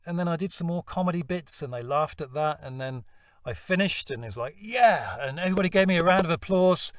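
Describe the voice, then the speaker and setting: A man's voice: a little high, fast, no room sound. Brief: male vlogger, self-deprecating storyteller, distant dry mic. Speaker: voice-over hopeful vlogger. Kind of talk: personal storytelling vlog.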